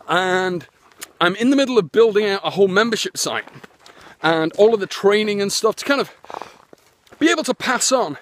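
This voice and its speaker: A bit bright and sitting high, the voice belongs to an internet marketer live-streaming a walking vlog on his phone. Outdoors on his land, he chats in a rambling way, full of restarts and fillers.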